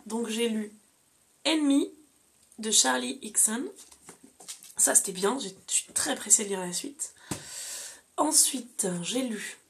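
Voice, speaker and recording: Slow, gravelly-voiced woman book vlogger. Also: fairly high pitch, a little hiss or hum. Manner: chatty, listing books with frequent fillers. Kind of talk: casual reading-challenge vlog.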